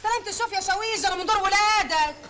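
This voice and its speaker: A woman's voice: very high voice, racing. An actress with an Egyptian accent playing a brash, witty woman who flirts and talks back. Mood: sassy.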